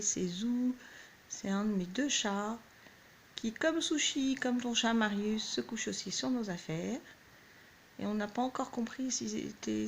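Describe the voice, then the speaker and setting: A woman's voice: a little high, a little hiss or hum. A woman teacher giving a patient, step-by-step lesson to young children at home. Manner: patient, clear, explains step by step. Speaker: primary school teacher.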